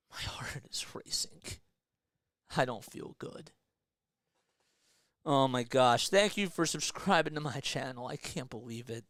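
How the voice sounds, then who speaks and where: A young man doing live fan play-by-play of a basketball game, excitable, yelling at big plays and dropping to a hushed mutter between them. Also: mid-range voice, clear, resonant tone, dry recording, studio quality.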